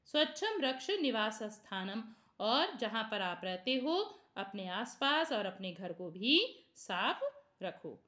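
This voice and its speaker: A woman leads a classroom lesson in a high, bright voice. She reads each word pair at an unhurried pace, then adds quick explanations. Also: sing-song. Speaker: Sanskrit teacher.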